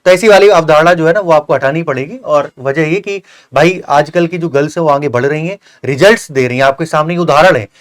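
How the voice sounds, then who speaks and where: A man's voice: on the high side, brisk. A young man hosting an interview, giving earnest, repetitive advice full of fillers. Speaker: host of a coaching channel. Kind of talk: interview with a successful candidate.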